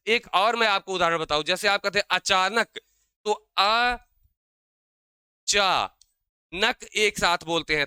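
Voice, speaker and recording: A young man teaching an exam-prep grammar lesson. He keeps asking his own questions and answering them, and he slows down to spell out sounds. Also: high voice, bright, forceful tone, smooth, no room sound.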